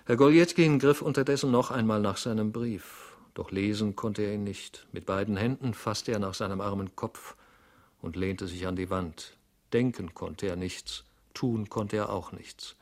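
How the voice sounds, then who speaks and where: Low-voiced man narrating a novel. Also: moderate pace, darkish tone.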